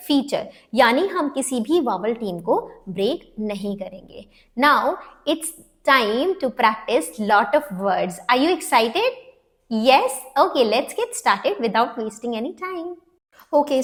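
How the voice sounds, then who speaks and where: Indian lady phonics teacher, high pitched, talks slow and clear, switches hindi and english. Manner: mixes Hindi and English, asks "right?" often. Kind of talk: online phonics lesson.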